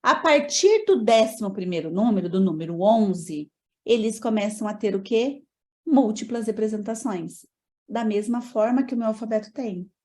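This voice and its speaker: A woman's voice: mid-range voice, animated, normal speed, mellow. Woman, training lecture, didactic, rhetorical questions to audience. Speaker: lecturer on learning disorders.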